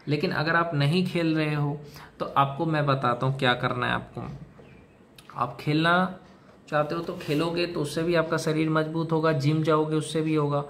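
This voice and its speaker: Man, slightly raised pitch, lecturing straight to camera, repeats his rules, calls the viewer brother. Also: a bit bright, slight background noise. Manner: lecturing, repetitive, addresses listener as brother. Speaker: self-help video host. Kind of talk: direct-to-camera advice monologue.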